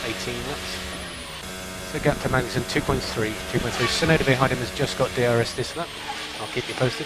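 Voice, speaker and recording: A man's voice: medium pitch, rough recording. A man working as a race engineer, giving concise, repeated instructions over race car team radio. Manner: concise, repeats key calls.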